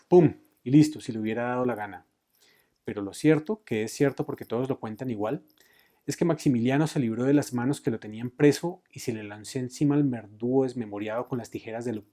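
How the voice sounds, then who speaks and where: A man reading a novel aloud expressively, raising his voice for shouted lines. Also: mid-range voice. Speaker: book reader.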